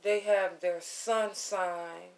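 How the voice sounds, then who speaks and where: A woman's voice: fairly low pitch, steady tone, drawn-out words, gravelly, poor audio. A woman giving an intimate, soothing spiritual reading in a casual way, affectionately addressing the listener with pet names. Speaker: tarot reader and spiritual host.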